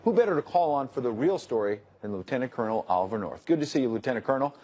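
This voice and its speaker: A middle-aged man anchoring a cable news show, brisk and wry as he reads tweets and interviews a guest. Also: mid-range voice, lively intonation, warm tone. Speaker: news host.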